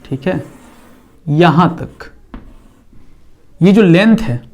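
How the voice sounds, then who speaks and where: A male physics teacher talks a class through a lesson in a high, easy voice. He draws on the board as he explains. He often pauses to check that everyone understands. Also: lively intonation, a little mellow. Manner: talks while drawing on a board.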